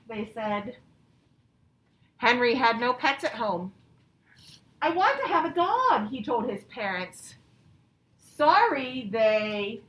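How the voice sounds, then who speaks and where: This high-pitched woman teaches as an elementary instructor would, walking small kids through a lesson and a picture book and checking in with frequent questions. Her tone is a touch bright, and the audio is roomy, slightly off-mic, with a little faint noise.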